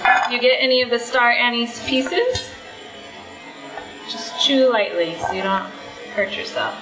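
A woman's voice: on the high side, animated, a little slow, distant mic. A woman co-presents a casual home cooking demonstration, upbeat and adding asides. She sits back from the mic in a roomy kitchen, with faint music behind.

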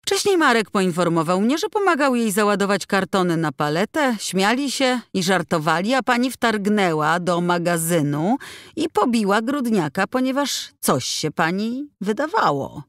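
A woman's voice: medium pitch, normal speed, no room sound, pitched above the performer's own voice, close to an everyday voice. A cold, dismissive male company director, read by a woman narrating an audiobook, curt and businesslike, never raising his tone. It is recorded up close and dry, with no room sound. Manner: calm, curt, bureaucratic. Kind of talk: audiobook dialogue reading. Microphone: close studio mic.

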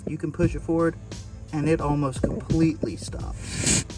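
A man's voice: a little high, fairly even intonation, normal speed, music in the background. A man working as an HVAC technician, explaining a repair outdoors in a casual, plain-spoken way with fillers. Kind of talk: on-the-job explaining. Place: outdoors at an air conditioning unit.

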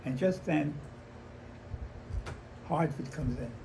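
A very old American man with a gravelly, fairly high voice. He is a veteran remembering his younger days, telling stories haltingly and voicing the people in them. The recording is a slightly noisy handheld one made at home. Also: dark tone. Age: 90s. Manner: halting, repeating himself, acting out remembered dialogue. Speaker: war veteran interviewee. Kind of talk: old veteran reminiscing, conversational storytelling.

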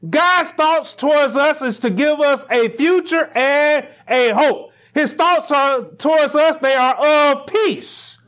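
High-voiced preacher with slow emphatic delivery. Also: male voice. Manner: rising to near shouts on emphatic lines, slow deliberate phrasing. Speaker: pastor. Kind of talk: sermon. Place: small church room with pulpit, indoors.

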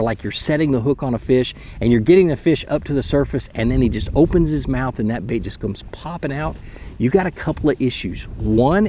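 A man in his thirties who hosts a fishing channel gives a casual outdoor tutorial from his kayak on a lake, talking into a camera set up close in front. He's chatty and explanatory with frequent restarts, his mellow, medium-pitched voice over slight background noise.

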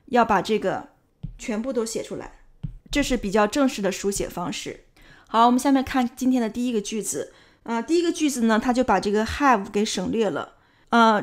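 Higher-voiced woman teaching English in Mandarin. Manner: patient, step-by-step, with filler sounds. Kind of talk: explaining English grammar and pronunciation in Mandarin.

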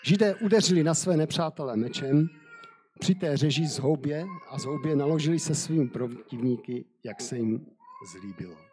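A man's voice: a little high, mellow, a little hiss or hum. A man preaching a sermon, reading a scripture story aloud and then speaking freely with hesitant fillers.

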